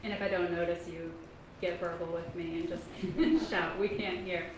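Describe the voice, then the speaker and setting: A Kentucky woman in her thirties, an author, gives a casual talk to an audience in a public library meeting room. Her fairly low, steady voice is soft and halting, full of pauses and ums. The room is echoey, with faint noise.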